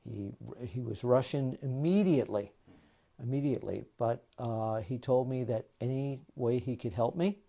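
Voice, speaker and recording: A man, a wrestling journalist, telling an anecdote in an interview, halting with many fillers. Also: medium pitch, vocal fry, dark tone. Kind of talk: reminiscing interview.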